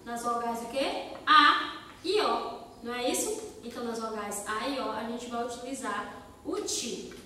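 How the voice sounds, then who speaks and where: A Brazilian woman teaching a children's class, asking rhetorical questions and sounding out words slowly, syllable by syllable. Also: a little high, bright, forceful tone, a little hiss or hum. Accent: Brazilian Portuguese. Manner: slow, sing-song word-by-word syllable demonstrations; asks pupils rhetorical questions. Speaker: primary school teacher. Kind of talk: recorded remote class lesson. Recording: echoey hall-like room, voice from a distance.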